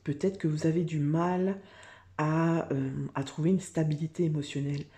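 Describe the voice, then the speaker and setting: A woman's voice: low-pitched, steady tone, moderate pace, warm tone. A woman giving a general tarot reading in a chatty, hesitant way with many fillers. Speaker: tarot reader. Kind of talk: casual tarot reading monologue.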